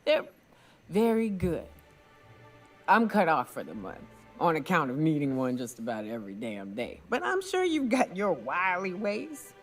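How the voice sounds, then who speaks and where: An actress playing a drunk, boastful big game hunter in a video game, with a rambling, tipsy barfly drawl. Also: female voice, low voice, very animated, measured pace, soft background music. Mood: tipsy, coaxing.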